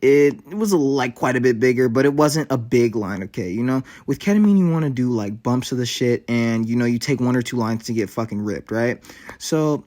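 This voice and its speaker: A man's voice: mid-range voice, expressive, normal speed, a little mellow. A young man telling a casual storytime vlog in a laid-back, slangy, rambling way, full of fillers. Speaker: vlogger.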